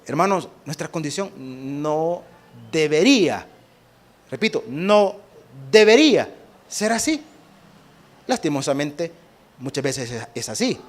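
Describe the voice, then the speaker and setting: Salvadoran pastor guy preaching, high-ish voice, keeps asking the church questions, acts out bits. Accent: Salvadoran Spanish. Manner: animated preaching with rhetorical questions to the congregation; acts out quick exchanges in different voices. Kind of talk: sermon.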